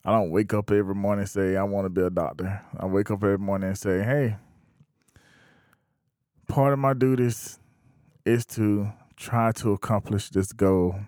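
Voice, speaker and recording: A man in his thirties talking casually to camera, thinking aloud with frequent pauses. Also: low-pitched, darkish tone, no room sound, studio quality. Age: 30s. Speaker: vlogger. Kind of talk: casual opinion monologue.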